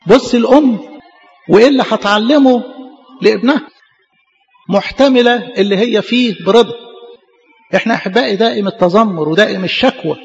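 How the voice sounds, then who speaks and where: Egyptian priest sermon: high gravelly voice, earnest and repetitive, dull recording with long hall reverb. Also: male voice, a little fast, long pauses. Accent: Egyptian Arabic. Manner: earnest, repeats phrases for emphasis.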